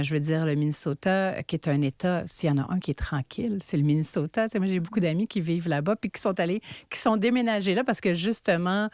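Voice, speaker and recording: A woman's voice: lowish voice, dry recording, clean studio sound. A middle-aged woman with a Québécois accent, a journalist guest speaking thoughtfully in a conversational interview. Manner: earnest and thoughtful, many fillers.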